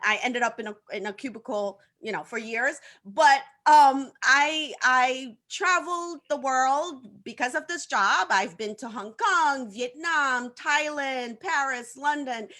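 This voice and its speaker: A Haitian woman in her thirties, a social media coach, appears as a guest on a video-call talk show and tells her story in a cheerful, chatty way, laughing often. Her voice sits high and sounds bright and forceful, and she speaks unhurriedly with few pauses. It's a casual talk-show interview.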